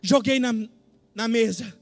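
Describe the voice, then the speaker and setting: A middle-aged man with a Brazilian accent, preaching an emotional testimony sermon, swinging from hushed to shouting. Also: extremely high pitch, measured pace, gravelly, soft background music. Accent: Brazilian Portuguese. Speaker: pastor. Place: church service with faint music behind.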